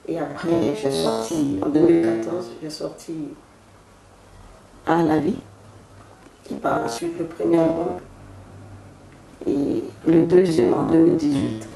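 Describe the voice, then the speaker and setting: A woman's voice: deep voice, expressive, vocal fry, roomy sound, music in the background. A singer, giving a solemn, devotional testimony in an interview at her home. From Côte d'Ivoire. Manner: slow, solemn, devotional phrasing. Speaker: gospel singer, interview guest.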